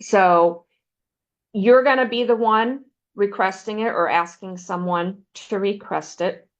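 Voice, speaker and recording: A woman presenting a benefits counseling webinar, walking listeners through slides in a steady, explanatory way. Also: mid-range voice, slow pace, lo-fi sound. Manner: explanatory, steady, uses "um" fillers.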